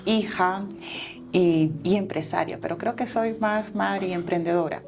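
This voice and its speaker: A Salvadoran businesswoman in her forties, appearing as an interview guest, recounts her life story earnestly and reflectively, using fillers and correcting herself. Her voice is on the low side, gravelly and a little mellow, at a measured pace.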